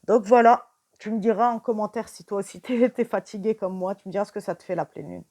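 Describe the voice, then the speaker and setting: A woman's voice: medium pitch, fast talker, warm tone. A tired young woman giving a casual card reading, chatting straight to the viewer with many fillers. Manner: whispers questions to the cards. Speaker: tarot reader.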